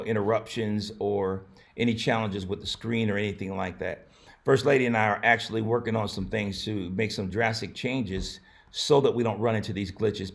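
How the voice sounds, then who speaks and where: A man's voice: lowish voice, creaky. A man, a pastor, talking earnestly in a casual live-streamed advice talk, with many fillers and restarts. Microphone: camera, not the usual setup.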